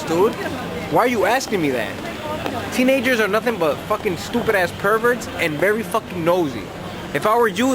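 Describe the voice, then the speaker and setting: Outdoors in a city at night, a young man with a high voice reads viewer letters on his advice vlog while tipsy. His advice is blunt, brash, profane and slangy, and there's background noise.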